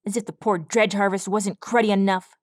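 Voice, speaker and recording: A woman's voice: medium pitch, normal speed, darkish tone, dry recording, clean studio sound, close to an everyday voice. A woman voicing a cruel, bearded stallion villain in a storybook reading, with a taunting, sneering delivery. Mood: sneering menace.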